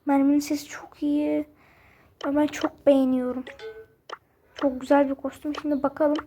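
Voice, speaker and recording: A woman hosting a casual gameplay video, chatty and excitable, who keeps talking straight to her viewers. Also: sits high, normal speed. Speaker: gaming video host.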